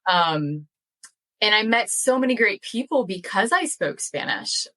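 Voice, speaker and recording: An American young woman, a language educator and dairy farmer, is a guest on a casual podcast interview, chatting enthusiastically about her farm and language work with lots of fillers. Her medium-pitched voice is expressive, unhurried and fairly bright.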